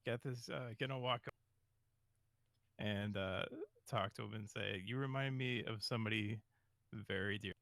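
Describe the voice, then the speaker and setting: A young man speaking calmly and gently as a player in a tabletop game. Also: lowish voice, moderate pace, vocal fry, long pauses, no echo, studio quality.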